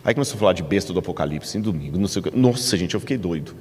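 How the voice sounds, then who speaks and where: A man with a Brazilian Portuguese accent, a preacher telling his testimony from the pulpit as a lively storyteller. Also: sits low, racing, in a large hall, slight background noise. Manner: lively storyteller, acts out dialogue in raised voices. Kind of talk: sermon testimony. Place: church in the United States.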